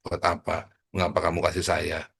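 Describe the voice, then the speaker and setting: A man's voice: sits low, monotone, a little fast, vocal fry, a bit bright, slightly rough. A middle-aged man preaching a sermon in a blunt, joking, provocative manner, addressing the congregation as brothers and sisters. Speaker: pastor.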